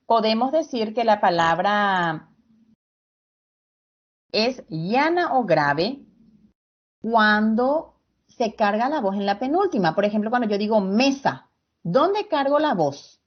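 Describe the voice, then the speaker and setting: A woman teacher leads an online class with a somewhat high voice. She explains patiently, slowing down to stress points and quizzing her students along the way. The sound is dull and lo-fi, like a video call. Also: big pitch swings. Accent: Ecuadorian Spanish.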